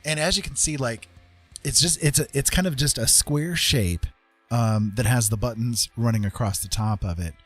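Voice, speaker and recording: Painting on a livestream, this art tutor chats informally at a moderate pace in a mid-range voice. He thinks out loud, hesitant and rambling, over quiet background music.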